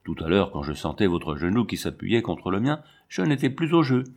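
In a storybook reading, a man voices a passionate, brutal young lion tamer who speaks urgently and low, alternately pleading and demanding. The delivery has big pitch swings at normal speed, with a slightly mellow quality.

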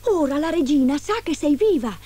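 Lady doing little dwarves, way high, urgent and bossy, fairytale. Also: lively intonation, brisk, dark tone. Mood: warning.

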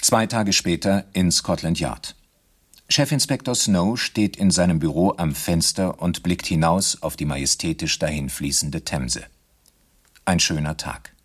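A man narrating an old radio play in a measured, gently ironic tone. His voice is low, with a husky grain. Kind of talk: scripted radio drama narration.

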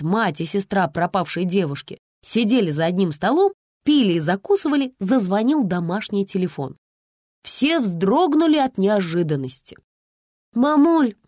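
A woman narrating a story aloud in an expressive storytelling style. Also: mid-range voice, no echo, clean studio sound. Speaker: audiobook narrator.

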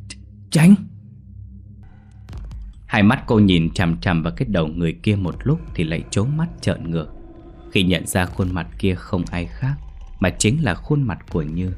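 Man, very low voice, horror story narrator, dramatic, slows at grim details. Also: slight background noise.

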